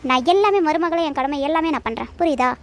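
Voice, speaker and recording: Cartoon working wife, a woman voicing, firm, argumentative, high-pitched. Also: animated, fast. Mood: indignant. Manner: firm, arguing.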